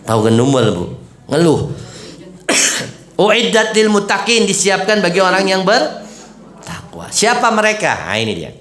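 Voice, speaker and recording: A male preacher speaks to a women's study group. His voice swings from low murmurs to sudden high peaks as he acts out homely scenes. The room around him echoes. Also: a little slow. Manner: lively, swings pitch high to stress points, acts out little scenes.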